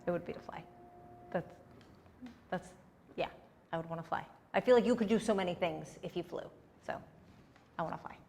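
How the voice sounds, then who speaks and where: A woman's voice: on the low side, brisk, vocal fry, pauses often, warm tone, in a large hall. A young adult woman, a comedian, giving candid, chatty answers in a casual interview.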